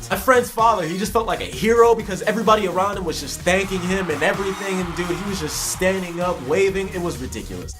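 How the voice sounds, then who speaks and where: A young man with a noticeably high voice tells a personal story in a casual vlog style. His delivery is slangy and emphatic, circling back to repeat his points. Soft music plays faintly behind him. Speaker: storytelling vlogger.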